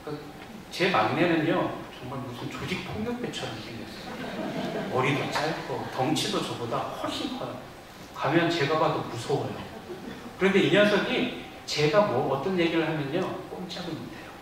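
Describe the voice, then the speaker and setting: A man pastor giving a lively sermon in a church, acting out quoted lines as he goes. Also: fairly high pitch, moderate pace, background noise. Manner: animated preaching with acted-out quotes. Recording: echoey church sound from a distance.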